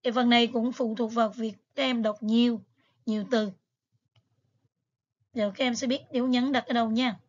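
Woman teacher, patient review lesson, slightly high voice, muffled lo-fi sound. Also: steady tone, normal speed, long pauses. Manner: patient, explains step by step with many fillers. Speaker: English teacher.

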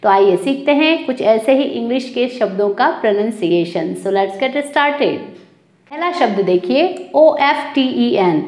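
An English teacher from India, speaking with an Indian accent, gives a spoken pronunciation lesson and carefully spells words out letter by letter. Her voice is on the high side with a darkish tone, and the room sounds echoey.

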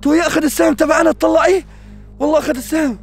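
Frantic high-voiced man with a Levantine accent. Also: fairly even intonation, racing, gravelly, soft background music. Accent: Levantine Arabic. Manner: frantic, urgent calling out and praying under his breath. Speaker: adventure vlogger. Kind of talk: staged adventure vlog narration.

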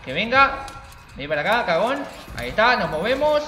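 A young man commenting on his game, excitable and jokey, swearing and taunting the monsters. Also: high-pitched, normal speed, roomy sound, a little hiss or hum. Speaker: gaming channel host. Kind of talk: let's play commentary.

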